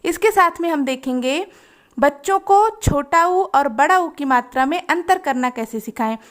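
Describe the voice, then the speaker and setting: A woman teaches a lesson in a high voice, moving at a very slow pace. She sounds out each syllable carefully and clearly, in an instructional manner.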